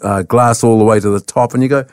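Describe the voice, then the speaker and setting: A man's voice: mid-range voice, steady tone, fast talker, smooth, no echo, clean studio sound. A man with a New Zealand accent co-hosting talkback radio, blunt and plain-spoken in argument. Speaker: radio co-host.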